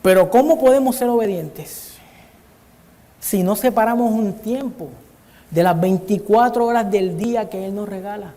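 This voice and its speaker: At a moderate pace and in a high, warm voice, a man earnestly preaches a Bible study sermon in a church hall, often calling his listeners brother. The sound has a long church-hall reverb.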